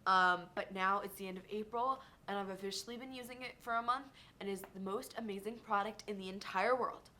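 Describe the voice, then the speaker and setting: A young woman chatting excitedly in a casual beauty vlog, gushing over her favorites and calling everything amazing. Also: mid-range voice, fairly quick, hardly any pauses. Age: young adult. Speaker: beauty vlogger.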